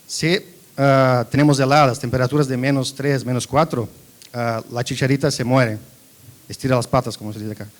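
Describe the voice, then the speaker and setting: A man's voice: mid-range voice, fairly even intonation, moderate pace, a little hiss or hum. A man from Brazil, a native Portuguese speaker, gives a technical presentation in a Spanish and Portuguese mix with a Brazilian accent. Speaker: agricultural company researcher presenting.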